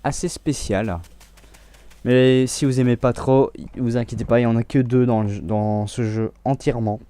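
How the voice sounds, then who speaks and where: A young man hosting a let's play, talking casually about his gameplay in a relaxed, chatty way and often restarting his sentences. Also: medium pitch, moderate pace, clean tone.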